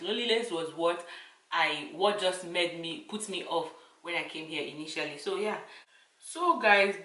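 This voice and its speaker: A woman with a Nigerian accent talks casually to her audience in a bright, punchy voice. She answers questions in an animated storytelling way, repeating words for emphasis. The room adds a noticeable echo. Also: on the low side, far from the mic. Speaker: vlogger.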